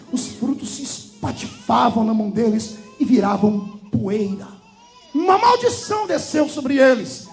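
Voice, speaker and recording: A man with a Brazilian Portuguese accent preaching a fiery sermon, telling a story and swinging between hushed and shouted lines. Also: extremely high pitch, creaky. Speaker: pastor.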